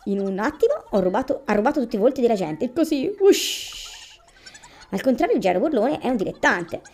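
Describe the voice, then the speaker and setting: A woman's voice: on the high side, very animated, fairly quick, a little mellow. A woman voicing a talkative old villager from a video game who tells a tale with drama and sorrow. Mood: lamenting. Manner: dramatic storytelling. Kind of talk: reading video game dialogue aloud. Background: video game music.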